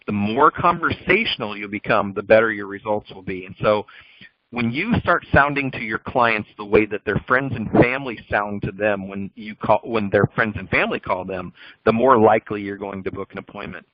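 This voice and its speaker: Lowish man coaching phone sales. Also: moderate pace, dry recording. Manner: coaching, direct and instructive. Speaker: sales trainer. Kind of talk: recorded training talk over slides. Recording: dull lo-fi dry audio.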